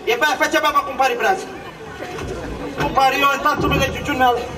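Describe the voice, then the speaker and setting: A man acting an excitable, scheming Sicilian village barber in a stage comedy, theatrical and exclamatory, in Sicilian dialect. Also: extremely high pitch, fairly quick, crowd noise. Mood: boastful. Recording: echoey theatre stage, distant mic, audience.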